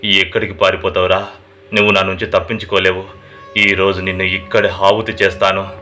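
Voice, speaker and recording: A man's voice: low voice, little pitch movement, fairly quick, pushed and bright, soft background music. A man voicing a vicious fiery female ghost demon in a horror story, with a menacing, threatening growl.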